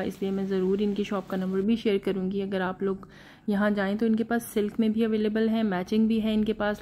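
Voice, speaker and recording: Her voice mid-range, a woman chats her way through a shopping vlog at an easy pace of conversation. She pauses on fillers often and sprinkles her talk with English phrases.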